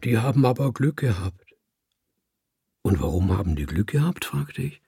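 A man reading a literary story aloud as an audiobook, voicing the dialogue in a slow, deliberate storytelling manner with soft, hushed dips. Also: fairly low pitch, very animated, gravelly, breathy edge, dry recording, clean studio sound. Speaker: audiobook reader.

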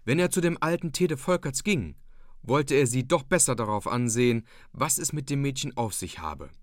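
A man narrating a classic story as an audiobook, measured and expressive. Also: mid-range voice, dry recording, studio quality.

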